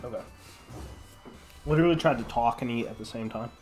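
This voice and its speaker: A man's voice: mid-range voice, fairly quick, darkish tone, faint music behind. A young man who is sick, rambling through casual stream chat with lots of filler words and swearing. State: sick, congested.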